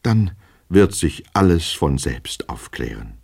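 A man's voice: low-pitched, sing-song, slow, gravelly, a little mellow, husky, exaggerated voice. A man voicing a frantic, begging clerk. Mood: pleading. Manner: pleading, frantic. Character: anxious, frightened male clerk begging his double. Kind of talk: audiobook reading.

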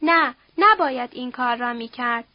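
A woman's voice: sits high, dry recording, muffled recording, natural voice. A woman voicing a grieving, frightened widowed mother who speaks in a sorrowful, pleading way.

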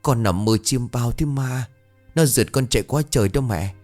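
A man voicing a terrified young village boy who yells in panic. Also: mid-range voice, normal speed, faint music behind, pitched above the performer's own voice, close to an everyday voice. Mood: stammering. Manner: panicked yelling.

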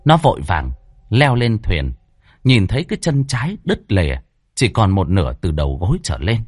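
A man narrating a ghost story from a script, with a dramatic, varied delivery and tense pauses. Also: fairly low pitch, huge pitch swings, slightly rough, no room sound, studio quality.

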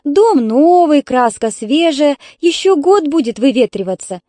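A woman reading as a calm, talkative middle-aged neighbor who smooths things over. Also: high-pitched, a little slow, no room sound, clean studio sound, pitched above the performer's own voice. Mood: soothing.

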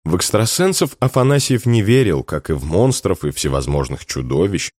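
A man narrating an audiobook in an expressive storytelling manner. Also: low-pitched, normal speed, no echo, studio quality. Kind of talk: scripted narration.

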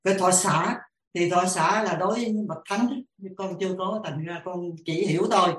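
Lady asking her teacher stuff, halting, lots of um, echoey room. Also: fairly low pitch. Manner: halting, searching for words. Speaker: lay practitioner asking questions. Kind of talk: dharma Q&A. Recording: roomy echo.

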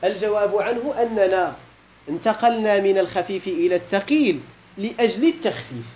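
A man's voice: high voice, expressive, fairly quick, darkish tone, slight background noise. A man with a Moroccan accent teaching a classical Arabic grammar lesson, posing questions to his students and repeating key points, with colloquial asides.

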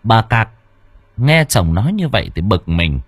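A man narrating a ghost story in an expressive, dramatic way. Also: on the low side, a little slow, slightly rough, no echo. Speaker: audiobook narrator.

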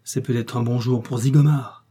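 Composed detective, dry confidence, read by a man; mellow, husky storybook voice. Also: mid-range voice, fairly even intonation, normal speed, lightly acted. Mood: calm. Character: calm, self-assured male detective.

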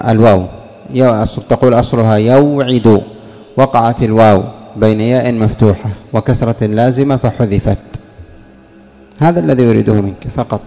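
A man's voice: medium pitch, dark tone. Man teaching in an echoey hall. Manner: asks questions then answers them, drawing out example words slowly. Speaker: sheikh teaching Arabic morphology. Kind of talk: classroom lesson explaining word roots.

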